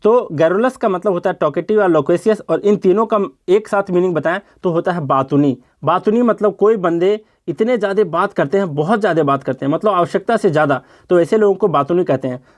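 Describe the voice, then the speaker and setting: Higher-voiced man teaching vocabulary. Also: fairly quick, few pauses. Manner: explains step by step, repeating words and asking rhetorical questions. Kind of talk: exam-prep vocabulary lesson.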